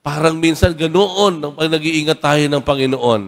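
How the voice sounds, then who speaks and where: Male priest, homily, higher voice, chatty storyteller, ends phrases with "no?", long church echo. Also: moderate pace. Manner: conversational, tags "no?" after phrases; animated storyteller, acts out quoted voices. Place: large church.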